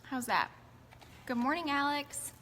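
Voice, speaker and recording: A woman's voice: sits high, unhurried, sharp tone. Easygoing woman host in an echoey newsroom. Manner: easygoing, organizing the crew. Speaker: morning show host. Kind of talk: casual off-air chat. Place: large TV newsroom. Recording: reverberant newsroom with background noise.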